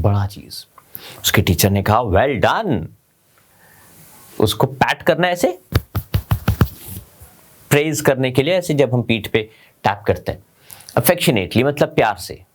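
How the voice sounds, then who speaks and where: A man from India teaching an English story, explaining English words in Hindi and checking in with his class. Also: medium pitch.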